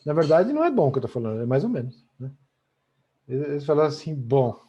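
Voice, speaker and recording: A man's voice: a little high, big pitch swings, fast talker, dark tone, husky. Brazilian guy teaching a language class online, keeps saying né, kinda muffled call audio. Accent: Brazilian Portuguese. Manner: chatty, explanatory, tags almost every sentence with "né?". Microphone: video call.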